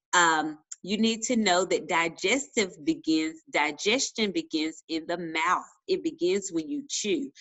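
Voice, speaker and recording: A woman's voice: on the low side, a bit bright, poor audio. A woman science teacher giving a casual online lesson to children, playful and chatty. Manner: chatty, talks while chewing a cracker; playful, addresses kids as boys and girls.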